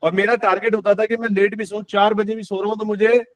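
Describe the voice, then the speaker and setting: A man's voice: high voice, level tone, quick pace, no room sound. A man hosting an online devotional singing session over a video call, chatting casually, encouraging his guests and joking with them. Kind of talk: casual chat.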